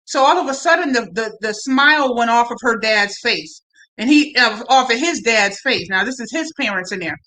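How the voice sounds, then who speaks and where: High, bright-voiced chatty woman streamer. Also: lively intonation, normal speed, poor audio. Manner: chatty, slangy, repeats words, talks to viewers. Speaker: live-stream host. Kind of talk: casual reality-TV recap chat.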